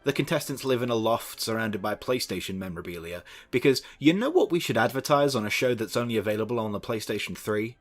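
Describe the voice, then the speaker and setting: Sardonic young man, lively delivery. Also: fairly low pitch, fast, hardly any pauses, faint music behind. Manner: sardonic, wry asides, occasional swearing. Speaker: YouTube video essayist. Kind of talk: scripted commentary narration.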